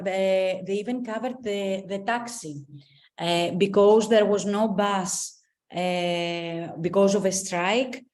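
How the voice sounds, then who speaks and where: A woman's voice: mid-range voice, a little mellow. A woman with a Spanish accent facilitating an online webinar, patiently answering questions with advice. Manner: patient, advising explanations.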